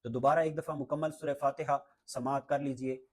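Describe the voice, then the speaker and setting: A man teaching how to pronounce a prayer recitation, explaining quickly in Urdu with a Pakistani accent and then reciting each phrase slowly and drawn out. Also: medium pitch, steady tone. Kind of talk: pronunciation lesson with slow recitation.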